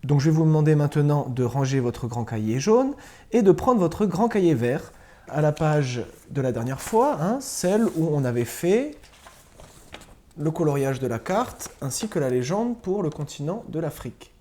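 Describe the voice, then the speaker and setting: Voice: mid-range voice, sing-song, normal speed, mellow, a little hiss or hum. A primary school teacher giving a recorded lesson to pupils at home, patiently spelling words out letter by letter and often checking that they follow.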